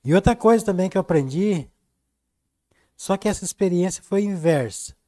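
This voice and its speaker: Brazilian male painting teacher, talkative storyteller, mellow tone. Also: high-pitched, expressive, moderate pace. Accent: Brazilian Portuguese. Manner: chatty, storytelling, reads viewer comments. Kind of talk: live-stream painting lesson.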